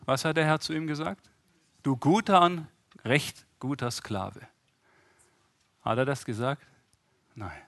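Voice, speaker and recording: A man's voice: mid-range voice, measured pace, gravelly, pauses often, fairly bright tone, no room sound. A man preaching an interactive sermon, often asking the congregation questions and acting out the voices he quotes.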